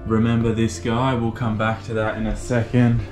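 Over music, a man with a fairly low, monotone voice talks at a normal speed. He's casually vlogging from a lighthouse on a remote island, narrating in the first person as he takes viewers through his morning chores.

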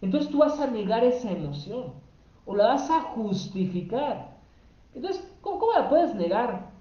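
A woman's voice: fairly high pitch, sing-song, unhurried, warm tone. A woman giving a spoken teaching talk about emotions, explaining step by step, asking rhetorical questions and repeating phrases for emphasis. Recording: roomy, slightly dull recording.

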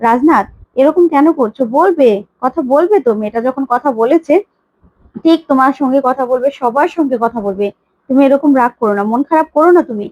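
Woman voicing a gentle reassuring older woman. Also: high-pitched, a little fast, no echo, dull audio. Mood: soothing. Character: calm older woman soothing a relative.

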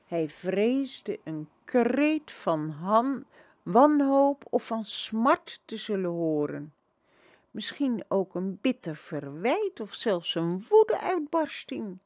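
A woman reading a storybook aloud at a very slow, deliberate pace. Her pitch moves a lot as she shapes each sentence. The sound is dry and slightly dull, like a simple home recording. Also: sing-song, no room sound. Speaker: audiobook reader. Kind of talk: storybook narration.

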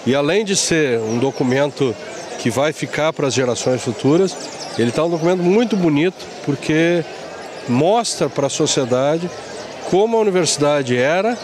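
A man in his forties speaks proudly and formally in a fairly high voice. He talks into a handheld mic outdoors at night, with clear background noise. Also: expressive, normal speed. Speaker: university press official. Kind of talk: interview statement. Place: outdoors at a book fair at night. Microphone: handheld reporter mic.

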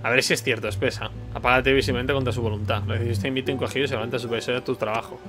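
A man hosting a gaming channel, casually reading a text adventure aloud in a brisk manner. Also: medium pitch, fairly even intonation, music in the background.

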